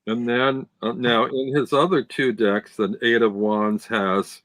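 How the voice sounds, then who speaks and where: A man's voice: mid-range voice, little pitch movement, measured pace, fairly bright tone, no room sound. A man co-hosting a casual live-stream chat, talking enthusiastically and describing details over a video call. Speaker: tarot deck reviewer, co-host.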